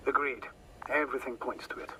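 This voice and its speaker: An actor voicing a male mission operator in a video game who talks in a measured, instructive way and thinks aloud. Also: medium pitch, fairly even intonation, background noise, close to an everyday voice. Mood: steady. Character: steady male mission operator guiding a teammate. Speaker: remote mission operator on the radio. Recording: game audio with music under.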